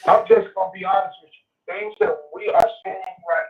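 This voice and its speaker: A man's voice: high-pitched, big pitch swings, moderate pace, gravelly, faint music behind. A man calling in to a radio talk show, his voice muffled as if he were talking from inside a box. He speaks emphatically and repeats words when he gets worked up. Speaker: caller. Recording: muffled phone line from a distance.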